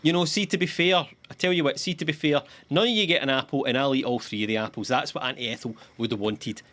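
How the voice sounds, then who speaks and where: A man's voice: mid-range voice, fast, fairly bright tone. A man joking his way through a live gameplay stream with sarcastic, rambling commentary. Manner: jokey, sarcastic, talks to himself. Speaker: streamer playing a game.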